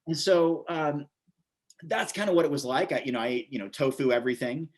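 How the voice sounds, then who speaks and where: Fairly quick and a little high in pitch, the voice belongs to an American man in his forties. He's a vegan bodybuilder and author who, as an interview guest, spins casual stories that ramble and repeat.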